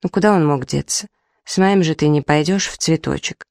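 A woman's voice: low-pitched, normal speed, vocal fry, a little mellow, no room sound. A woman reading the lines of a quarrelsome, sarcastic young wife aloud from a story, in a dry room. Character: sharp-tongued young wife, twenty-seven.

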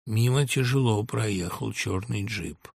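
A man narrating an audiobook of a novel in an expressive, lively storytelling manner. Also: fairly low pitch, takes it slowly, creaky, breathy edge, no echo, studio quality.

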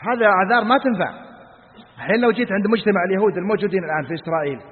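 A man's voice: high voice, rapid-fire. A man teaching a religious lesson. He asks his students questions and then answers them himself. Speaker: sheikh teaching a book. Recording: phone-like sound in a reverberant hall.

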